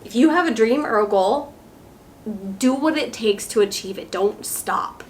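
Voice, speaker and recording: A woman's voice: a little high, lively intonation, measured pace. A woman speaks in a tipsy, playful way, chiming in casually. She comes across as a travel vlogger chatting through a Q&A, with a little noise behind her. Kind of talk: casual chat, Q&A.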